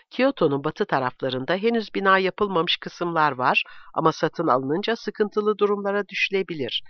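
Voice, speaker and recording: A man reading a novel aloud as narrator in a steady, measured way. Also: a little high, no room sound. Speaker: audiobook reader. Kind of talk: scripted narration. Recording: dull, dry recording.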